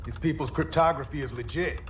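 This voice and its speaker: A man's voice: on the high side, fairly quick, a little hiss or hum, natural voice. A man playing a confident, wry cyborg superhero in a video game cutscene, with a cool, cocky manner. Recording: echoey voice, music behind.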